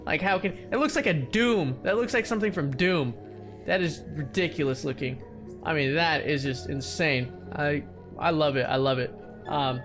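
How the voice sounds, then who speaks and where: An excitable male gaming YouTuber with a notably high voice, talking his viewers through a game in a loose, hyped-up way and swearing casually. Faint music plays underneath. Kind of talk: casual video game commentary.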